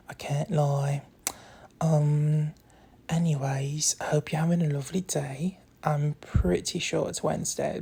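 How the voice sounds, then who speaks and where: A young adult social media content creator chats to followers in a put-on British accent, like a casual confessional recorded on a phone. The husky, creaky voice sits at a medium pitch in a level, unhurried register, often trailing into breath. The rambling delivery is soft, candid and meandering.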